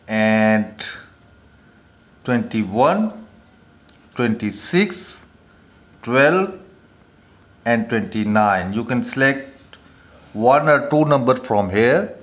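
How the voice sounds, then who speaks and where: A man who speaks as a narrates an instructional video as a presenter, speaking deliberately in short phrases with pauses. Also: medium pitch, highs cut off. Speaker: lottery tips presenter.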